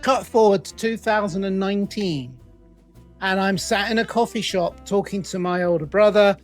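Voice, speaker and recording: Guesting on a conversational interview, an English accountability coach and author in middle age recounts his story with animation, voicing his own thoughts as quotes. He speaks with a British accent in a high voice at a moderate pace, and faint music plays behind him.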